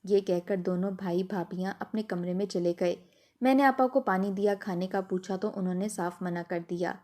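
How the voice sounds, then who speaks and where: A woman telling a first-person family story in an even, soft storytelling manner. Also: mid-range voice.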